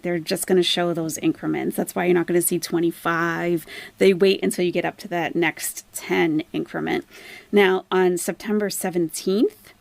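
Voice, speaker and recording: A lowish voice with vocal fry carries this YouTube host's casual live commentary, recorded with no room sound. She explains things emphatically to her audience and leans on rhetorical questions.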